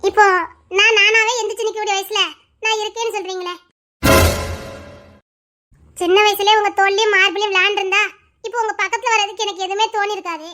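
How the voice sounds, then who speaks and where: A woman's voice: very high voice, sharp tone. A woman playing a bitter grown daughter who lectures her parents reproachfully.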